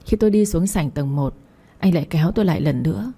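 Low, husky woman reading a romance story. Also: fast, dark tone. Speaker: audiobook narrator. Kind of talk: first-person scripted narration of a romance story.

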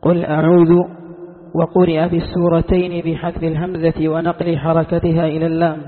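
A student reads lines of a commentary text aloud during a class, steady and measured. His delivery stays flat in pitch. The sound is thin and phone-like, with a long hall reverb behind it.

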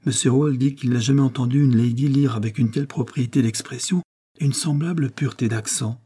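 A man's voice: medium pitch, a little fast, dark tone, husky, natural voice. A man voicing an affectionate young woman coaxing her mother tenderly, in an audiobook reading.

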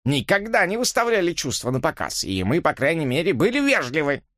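A man reading an audiobook, voicing a stiff, easily offended older gentleman with a pompous manner. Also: on the high side, wildly swooping pitch, brisk, dry recording, clean studio sound, pitched above the performer's own voice. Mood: indignant. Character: stiff, indignant older gentleman, bony and proper.

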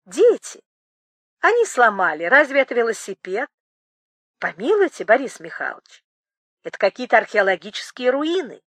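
A woman's voice: a little high, very animated, normal speed, pauses often, breathy edge, no room sound. A woman voicing a timid, frightened woman who speaks in anxious, faltering apologies. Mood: flustered. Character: flustered, guilty, timid woman, easily frightened.

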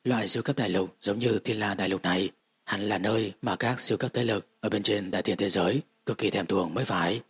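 A man giving steady, even scripted narration of a fantasy audiobook. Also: on the low side, fast, breathy edge.

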